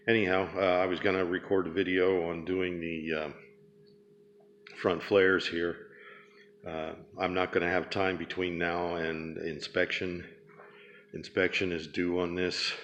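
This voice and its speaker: Man, Pennsylvania accent, very low voice, monotone, halting casual narration, handheld camera in a garage. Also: lo-fi sound, slight background noise. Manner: rambling, halting, many ums and uhs. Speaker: DIY car restoration vlogger. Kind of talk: casual walk-around narration.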